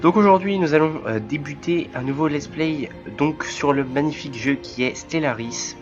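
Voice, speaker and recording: A man hosting a game let's play while sick, his voice a bit rough and breaking. He explains the game in a halting way, full of pauses and fillers. The recording sounds dull and lo-fi, with faint game music playing underneath. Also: on the high side. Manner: hesitant, many filler pauses. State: sick, voice cracking. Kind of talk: game commentary.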